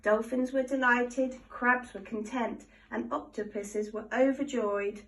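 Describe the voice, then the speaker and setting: Her voice fairly high, a woman reads aloud from a children's picture book at a slightly slow pace, using lively, expressive storytelling. The microphone picks her up from a little way off.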